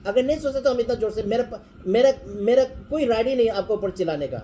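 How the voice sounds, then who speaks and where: A man with a high yet mellow voice gives his business team an earnest motivational talk. He mixes Hindi and English and keeps repeating his points, over faint background noise. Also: lively intonation, quick pace, rough recording.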